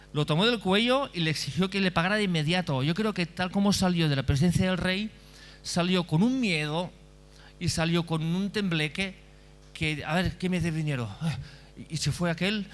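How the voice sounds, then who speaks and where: A male pastor preaches in an easy, conversational way. His voice sits slightly high, and he keeps checking in with his listeners and circling back to repeat himself, with a faint hum behind him. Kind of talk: sermon.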